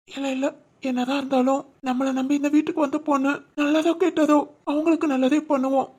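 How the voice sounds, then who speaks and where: A woman voicing a gentle young husband in a dubbed cartoon drama, earnestly pleading and reassuring. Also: high-pitched, natural voice. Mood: worried musing.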